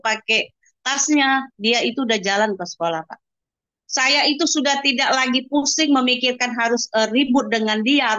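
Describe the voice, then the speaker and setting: High-voiced mother giving a heartfelt testimonial. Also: a bit bright, no room sound. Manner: addresses the listener as "Pak" constantly, with pious exclamations. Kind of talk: earnest testimonial interview. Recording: dull, lo-fi dry recording.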